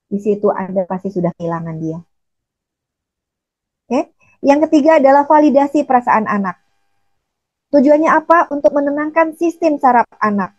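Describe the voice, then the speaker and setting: Woman, middle-aged, parenting coach, gentle, fairly high voice, muffled dry sound. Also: animated, moderate pace, pauses often, dry recording. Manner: gentle, addresses listeners as dear, acts out parent voices. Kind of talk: recorded talk to parents.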